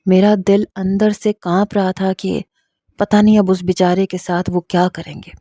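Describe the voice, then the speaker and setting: Woman reading a story out loud, mellow earnest voice, dry close sound. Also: medium pitch, little pitch movement, no room sound. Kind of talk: scripted first-person story narration.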